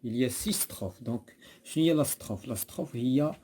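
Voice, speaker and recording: A man's voice: medium pitch, normal speed, mellow, breathy edge. A man with a Moroccan accent, teaching a poetry lesson and patiently repeating and correcting a pupil's answers.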